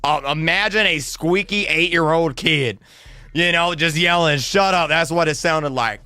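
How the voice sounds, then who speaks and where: Excitable bright-voiced young-sounding man. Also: on the high side, measured pace, smooth, no echo. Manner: excitable, slangy, lots of restarts. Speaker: streamer telling a story. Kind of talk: animated casual storytelling.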